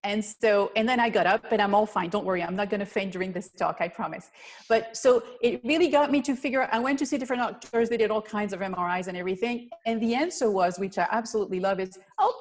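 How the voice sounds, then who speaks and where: A woman with a Belgian accent talks through her background as a guest presenter. She explains in an earnest, teacherly way, with slightly non-native phrasing. She sounds as if she is on a video call, and her voice sits in a middle pitch. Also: fast. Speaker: guest presenter, physical therapist. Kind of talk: webinar talk and explanation.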